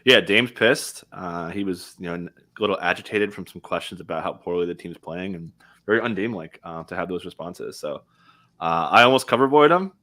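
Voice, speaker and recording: A man breaks down fantasy basketball in quick, loose, informal chat, leaning heavily on fillers. His voice sits low but comes out pushed and bright.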